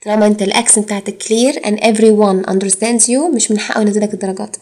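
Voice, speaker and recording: In a recorded IELTS lecture, a woman teaches in Egyptian Arabic, sprinkling in English exam phrases and stretching out her fillers and hesitations. Her voice is mid-range and steady, with a slightly mellow quality.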